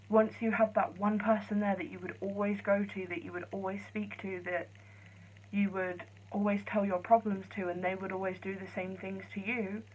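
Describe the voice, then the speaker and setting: Quiet-spoken woman on lo-fi phone audio. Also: mid-range voice, slightly rough. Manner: talking quietly, chatty and rambling. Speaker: vlogger. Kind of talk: casual vlog chat. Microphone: phone camera.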